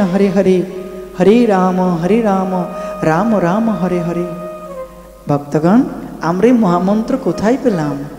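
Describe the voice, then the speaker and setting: Man, devotional preacher, high voice, sing-song chanting, rhetorical questions, echoey hall with long reverb. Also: darkish tone. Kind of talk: devotional storytelling sermon with chanting. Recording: echoey hall with music behind.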